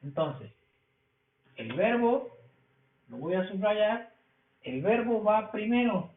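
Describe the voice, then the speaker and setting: A man with a Mexican Spanish accent gives a recorded English grammar lesson, his voice sitting high for a man. He explains slowly, going over each point again and again. The sound is thin and phone-like, with a roomy echo. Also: animated. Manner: slow, repetitive explaining. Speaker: English teacher.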